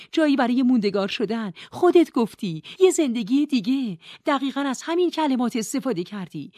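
Brief: woman voicing an urgent, pleading young heroine in an audiobook, pitched up, dry recording. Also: a little mellow, no room sound. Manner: urgent, pleading, high and insistent.

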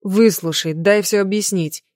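A woman's voice: medium pitch, steady tone, measured pace, darkish tone, no echo, clean studio sound, close to an everyday voice. A woman voicing a tormented young man who urgently pleads with his beloved in an audiobook. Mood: pleading.

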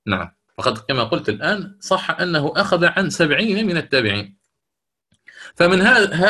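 A man's voice: mid-range voice, pushed and bright. A man teaching a lecture on Quran recitation, explaining step by step and often checking with his students. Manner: stretches words when demonstrating recitation. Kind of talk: classroom lecture.

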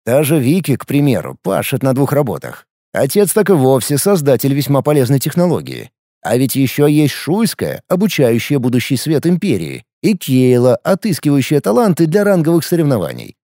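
A man narrating a first-person audiobook in an ironic, lively storytelling manner, close to the mic. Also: medium pitch, moderate pace, dry recording.

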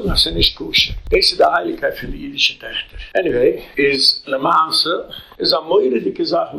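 A man's voice: a little high, creaky, pushed and bright. A man with a Yiddish accent, a rabbi giving a rambling lecture and slipping English words in.

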